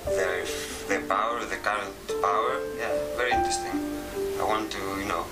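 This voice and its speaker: Low-voiced Greek man, halting. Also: fairly even intonation. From Greece. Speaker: interviewee. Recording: distant mic, loud music bed.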